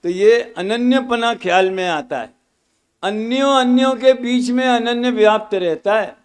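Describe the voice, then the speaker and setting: A man's voice: very high-pitched, measured pace, clean tone. A man teaching scripture at a study camp, explaining terms patiently with homely examples and repeating key words.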